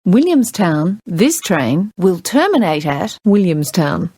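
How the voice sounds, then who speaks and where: A woman's voice: lowish voice, big pitch swings, slow pace, darkish tone, breathy edge, dry recording, clean studio sound. Lilting Australian woman, spliced train announcements. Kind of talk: scripted onboard train announcements.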